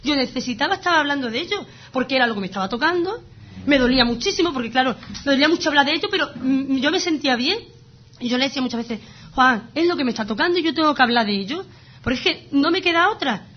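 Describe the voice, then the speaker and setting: A high-voiced woman talks fast as a guest sharing her illness story in casual conversation, telling it in an animated, emphatic way. The lo-fi recording sounds slightly dull.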